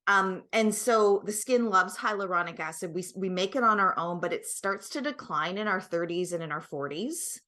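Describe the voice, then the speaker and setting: Barely pausing, this middle-aged guest expert talks at a moderate pace in a sharp, mid-range voice. She created the product and explains it conversationally and emphatically, often checking in that the listener understands.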